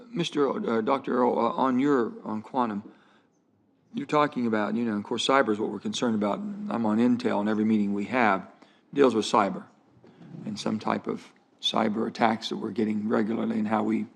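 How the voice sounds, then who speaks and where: A man with a somewhat low, gravelly voice questions a witness as a senator. He rambles and hesitates, circling through his point with plenty of fillers before landing on the question. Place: hearing room.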